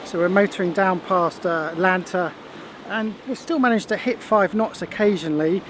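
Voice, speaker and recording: A man's voice: sits high, normal speed. A man giving a casual, explanatory sailing vlog in an understated way. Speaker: sailing vlogger. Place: aboard a sailing boat at sea. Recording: noisy boat with engine and water.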